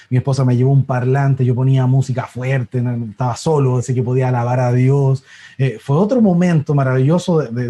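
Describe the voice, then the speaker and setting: A man's voice: on the high side, warm tone, breathy edge. A middle-aged man telling a sermon testimony, with many restarts and acted-out voices. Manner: storytelling with many restarts, acts out quoted voices. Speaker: preacher giving a testimony.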